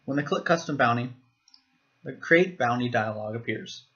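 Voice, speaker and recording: A man giving a screen-recorded software walkthrough, explaining each step plainly. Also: mid-range voice, animated, moderate pace, lo-fi sound. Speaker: software demo presenter.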